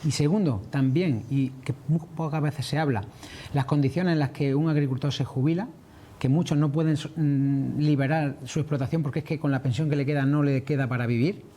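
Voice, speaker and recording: Higher-pitched man, mellow voice. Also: steady tone, brisk. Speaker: farmers' representative, interview guest. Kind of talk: broadcast interview answers.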